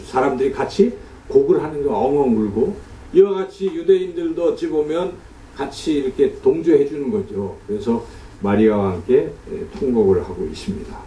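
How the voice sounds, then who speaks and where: Man, pastor, sermon, rhetorical questions, dark mellow voice, roomy echo. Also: mid-range voice, distant mic. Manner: explains scripture with rhetorical questions to the congregation. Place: church sanctuary.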